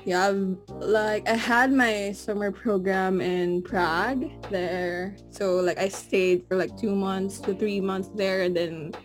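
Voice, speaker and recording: A woman's voice: medium pitch, steady tone, slow pace, hardly any pauses, soft background music. Giggly young woman co-hosting a podcast. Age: young adult. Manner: chatty, many "like"s and "you know"s, giggly. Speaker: podcast co-host. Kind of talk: casual podcast chat.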